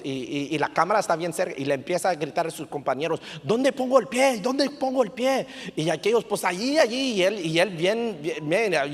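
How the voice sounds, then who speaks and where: High-voiced pastor preaching in a reverberant church. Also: male voice. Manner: animated storytelling with English fillers. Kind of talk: sermon. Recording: long reverb of a church hall.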